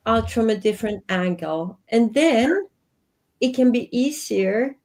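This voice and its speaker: Appearing as an interview guest, a life and business coach in her fifties speaks earnestly and reflectively, her Swedish accent marking her origins in Sweden. The voice is fairly high with a darkish tone and a slightly slow pace.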